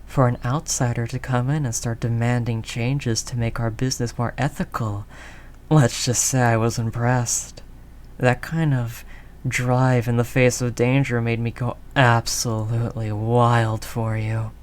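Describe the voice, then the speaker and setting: A woman plays a tough mafia heiress girlfriend in an intimate audio roleplay, doting on her partner with affectionate, slangy tough talk in a low voice. Her tone is steady and a little mellow, her pace a little slow, and she sounds admiring.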